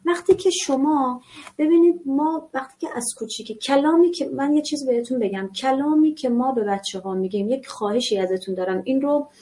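A woman's voice: high voice, warm tone. A woman giving a live online parenting class in a conversational manner, often putting rhetorical questions to her listeners. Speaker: parenting instructor.

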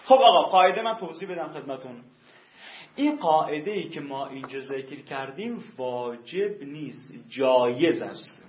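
Male teacher, high voice, muffled lo-fi classroom recording; patient grammar explainer. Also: expressive, roomy sound. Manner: slow drawn-out spelling of example words.

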